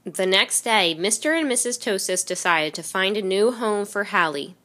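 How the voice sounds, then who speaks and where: A woman reading a children's picture book aloud in an expressive storytelling way. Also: mid-range voice, normal speed. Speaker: reader.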